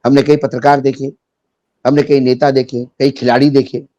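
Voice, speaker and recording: A man's voice: medium pitch, flat delivery, moderate pace, dark tone, no echo, muffled recording. A man discussing politics as a guest, biting and sarcastic, mixing in jokes and anecdotes.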